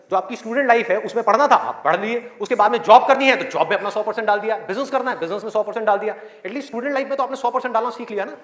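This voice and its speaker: A man with a high, fairly bright voice delivers a motivational speech to students, posing rhetorical questions and voicing their inner thoughts. It's recorded in an echoey hall with a faint crowd audible.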